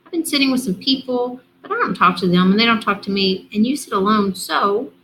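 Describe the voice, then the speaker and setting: A woman's voice: fairly high pitch, animated, fairly quick, a little hiss or hum, rough recording. A woman reading the part of a confident, friendly schoolgirl who speaks directly. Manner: warm, direct.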